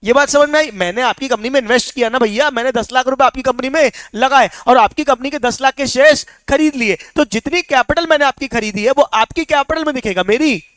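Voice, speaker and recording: High-voiced male tutor quizzing students. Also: a bit bright, clean tone, no room sound. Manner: coaxing, quizzing students with quick questions; mixes English terms into speech. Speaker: teacher. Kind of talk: classroom lecture.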